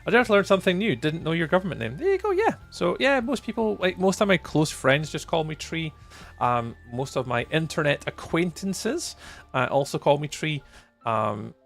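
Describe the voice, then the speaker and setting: In a sing-song voice on the high side, a Scottish man in his forties chats casually with viewers while gaming, rambling along with frequent ums and chuckles. His voice is creaky and paced normally, with faint music behind.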